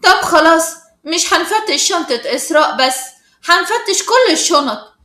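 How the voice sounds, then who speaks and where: Spiteful shrill egyptian mean girl, very high and fast, roomy sound, lady voicing her. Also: animated, pushed and bright, exaggerated voice. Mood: sneering. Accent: Egyptian Arabic. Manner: sneering, shrill. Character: spiteful scheming teenage schoolgirl.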